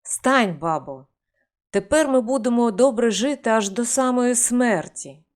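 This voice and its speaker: A woman's voice: fairly high pitch, animated, unhurried. A woman voicing a good-hearted old peasant grandfather in a storybook, speaking plainly and earnestly.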